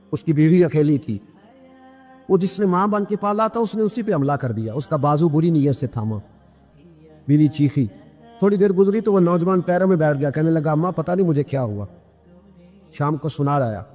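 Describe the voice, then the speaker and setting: A man preaching an impassioned sermon, telling stories and acting out the quoted voices with sudden leaps upward in pitch. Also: a little mellow, in a large hall. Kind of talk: Urdu sermon with storytelling.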